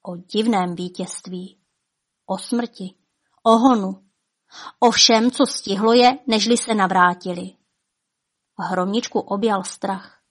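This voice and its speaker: A woman narrating a fairy tale in a rhythmic, dramatic way, with soft drops in her voice. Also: medium pitch, pauses often. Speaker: storyteller. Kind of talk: expressive fairy-tale reading.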